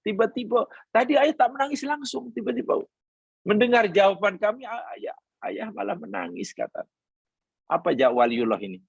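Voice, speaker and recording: In a lo-fi, dry recording, a man leading a religious class tells a story in the manner of a sermon, voicing family members and quoting Arabic lines before explaining them. His voice is high, gravelly and a bit rough, expressive, at a normal speed.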